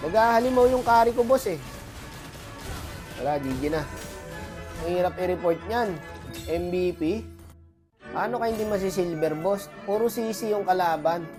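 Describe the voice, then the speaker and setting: A man's voice: sits high, moderate pace, pauses often, over music. A man with a cold giving chatty, boastful gameplay commentary to his viewers as a streamer. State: has a cold, voice affected. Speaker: gaming streamer.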